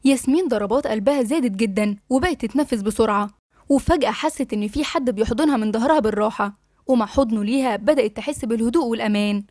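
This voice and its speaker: A woman with an Egyptian accent narrating a novel in a steady, flowing storytelling manner. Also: a little high, rapid-fire, no room sound, clean studio sound.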